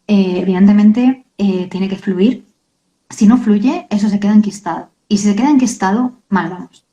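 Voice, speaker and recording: A woman, a guest author in an interview, talking earnestly and haltingly and often adding checking tags. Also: mid-range voice, warm tone, rough recording. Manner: earnest, halting, many tag questions. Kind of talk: emotional interview talk.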